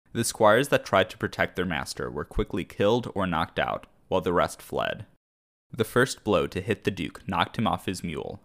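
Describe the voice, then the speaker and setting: A man hosting a history podcast, telling the story in a measured, scripted narration. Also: low voice, gravelly. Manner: measured storytelling, briefly acting out shouted quotes.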